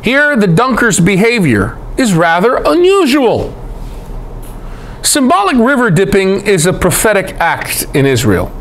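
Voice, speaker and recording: American male Bible teacher, lecture style, chatty asides, animated pitch, faint background noise. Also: measured pace. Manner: animated, conversational asides to listeners.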